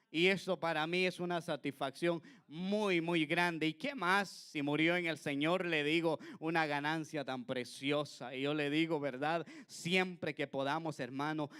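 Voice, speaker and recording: Bright-voiced preaching man. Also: clean tone. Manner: earnest preaching with frequent asides to the listener; swings between loud high exclamations and low quiet passages. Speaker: pastor. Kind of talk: sermon.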